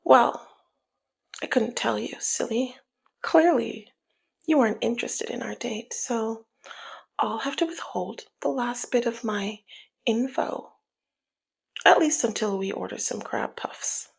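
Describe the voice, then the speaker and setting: In an intimate one-sided ASMR roleplay, a woman voices a dominant, teasing, flirty female mob boss, sounding coy and commanding. Her exaggerated voice runs a little high, breathy and husky, often near a whisper, as she taunts playfully in a slow, sultry way.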